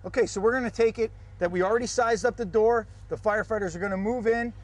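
A man's voice: sits high, fast. A man instructing firefighters, explaining a forcible entry technique step by step outdoors at a training prop. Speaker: fire service instructor. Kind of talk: instructional demonstration.

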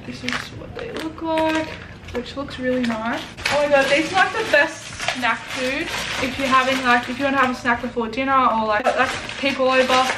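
A woman's voice: high voice, fairly even intonation, normal speed. A young woman with an Australian accent, chatting casually and informally as a vlogger. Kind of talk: casual vlog chat. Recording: echoey room, distant mic, clear noise.

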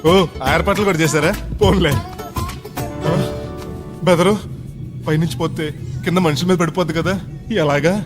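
A man's voice: fairly high pitch, fairly even intonation, normal speed, long pauses, music in the background, natural voice. An actor playing a chatty, naive village man, clueless on his first flight, in a film comedy scene. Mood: puzzled. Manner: loud, chatty, rustic and clueless.

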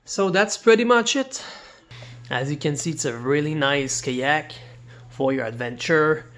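A man whose first language is not English, casually walking through a kayak he holds the camera over, talking haltingly with many fillers and restarts. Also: on the high side, fairly bright tone. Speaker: kayak reviewer. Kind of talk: casual product walkthrough. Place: indoors beside a kayak, camera in hand.

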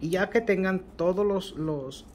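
Calm and high-pitched, a Mexican occult ritual instructor with a Mexican Spanish accent demonstrates a ritual indoors at a table laden with candles and ritual objects. He speaks slowly and repetitively, tacking a questioning "ok" onto his phrases, over a slight hiss or hum.

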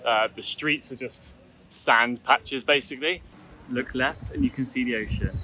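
A man hosting a casual travel vlog outdoors on a tropical island, chatty and relaxed, talking to a handheld camera. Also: medium pitch, normal speed, a little hiss or hum. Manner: chatty, relaxed, self-correcting. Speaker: travel vlogger host.

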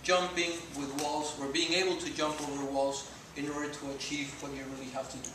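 A Mexican man in his forties, whose first language is Spanish, gives an earnest talk to students as a guest speaker in a lecture room, gesturing as he speaks in a Mexican accent. His voice is on the high side, flat, and a little fast. A far camera picks him up, so the room sounds echoey, distant, and noisy.

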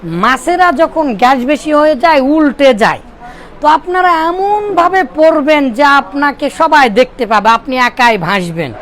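A man's voice: very high-pitched, lively intonation, measured pace, a bit bright, slight background noise. A man from Bangladesh teaching Arabic grammar to a classroom of pupils, drilling and repeating phrases for them to echo.

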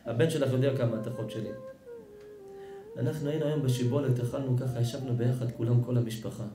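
A man, a rabbi, giving an emotional sermon, swinging between loud outbursts and hushed storytelling. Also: medium pitch, steady tone. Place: synagogue or event hall. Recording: echoey hall with music behind.

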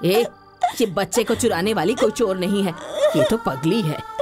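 A woman's voice: medium pitch, moderate pace, loud music behind the voice, natural voice. An actress dubbing a scolding, kind-hearted old village grandmother, who talks in a protective way. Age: older.

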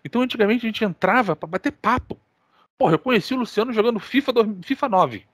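A man with a Brazilian accent hosting a gaming podcast, telling stories in casual, animated chat full of slang and swearing. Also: sits high, quick pace, dry recording, clean studio sound. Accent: Brazilian Portuguese. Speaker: podcast co-host.

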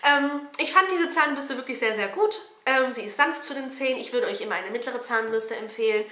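Cheeky woman beauty vlogger, bright voice a touch high, casual review chat, roomy home recording. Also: expressive, fairly quick. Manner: cheeky, jokey, swears casually. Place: at home indoors. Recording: roomy echo, faint noise.

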